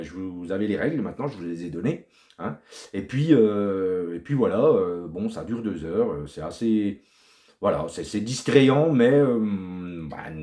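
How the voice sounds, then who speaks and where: A man's voice: fairly low pitch, warm tone, reverberant. A man giving a casual, rambling film review to his viewers, repeating words for emphasis and trailing off with fillers.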